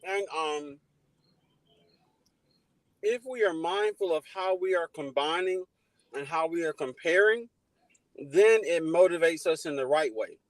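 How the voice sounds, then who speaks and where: Higher-voiced man hosting a casual livestream. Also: unhurried, pauses often, no room sound, low-quality recording. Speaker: livestream host.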